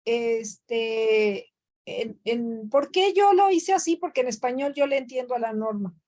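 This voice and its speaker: Teaching a workshop over a video call, a Mexican woman with a Mexican Spanish accent speaks in a slightly high, animated, warm voice at an unhurried pace. Her online training session is conversational, full of fillers and self-corrections.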